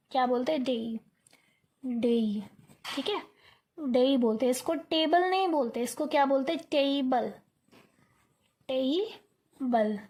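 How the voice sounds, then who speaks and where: A young woman teaching an online lesson, coaxing her students, repeating words aloud to drill the sounds and checking in often. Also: sits high. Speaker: English teacher.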